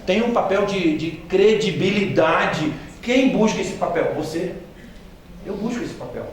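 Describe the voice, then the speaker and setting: A missionary with a high, expressive voice gives a church training talk at a measured pace, with a little hiss or hum on the recording. He tells humorous anecdotes, jokes, and puts questions straight to the audience. The recording is made from far off in an echoey large hall where the live audience can be heard.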